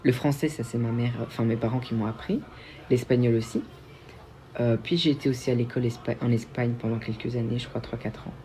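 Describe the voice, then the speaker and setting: A man's voice: mid-range voice, fairly even intonation, brisk, warm tone, slight background noise. A young man from Belgium, hosting a casual livestream and answering viewer questions in a chatty, self-mocking way with frequent restarts. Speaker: livestream host.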